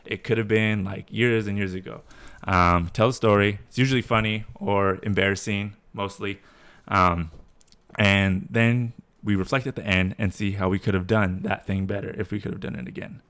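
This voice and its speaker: A man's voice: lowish voice, fairly even intonation, normal speed, fairly bright tone, clear, resonant tone. A young man co-hosting a podcast, telling a story in a loose, rambling way full of fillers. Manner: rambling, lots of "like" fillers, laughs through his story. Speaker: podcast co-host. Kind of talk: casual storytelling chat.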